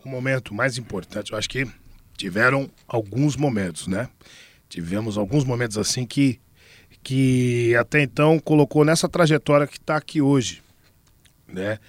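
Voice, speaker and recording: A man's voice: mid-range voice, normal speed, dry recording. A man from a samba band, talking casually in an interview, chatty and jokey with many fillers and repeated words. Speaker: band member.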